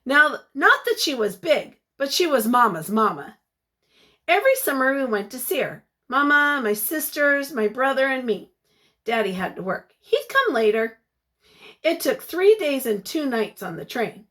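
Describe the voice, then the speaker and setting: A woman whose voice sits high plays a teacher reading a picture book out loud. Her reading is expressive and encouraging, with pauses where she questions her young listeners.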